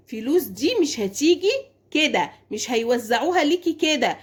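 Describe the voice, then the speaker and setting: A young Egyptian woman chats in a casual advice vlog, her voice high and her words tumbling out fast. She keeps posing questions to herself and answering them, repeating her points. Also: a bit bright, slightly rough. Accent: Egyptian Arabic. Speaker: home savings vlogger.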